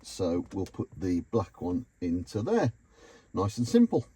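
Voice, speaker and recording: A British man provides casual, matter-of-fact commentary with informal phrasing while working hands-on in and around a car for his DIY vlog. His voice sits low and dark, with huge pitch swings and a measured pace, and the recording has noticeable background noise and clicks.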